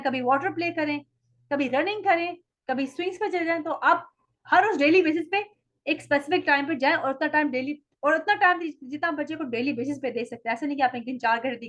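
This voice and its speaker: High-voiced woman giving a lecture. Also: a bit bright. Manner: reads English slide points slowly, then explains in Hindi. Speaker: child development presenter. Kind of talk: presentation lecture to parents.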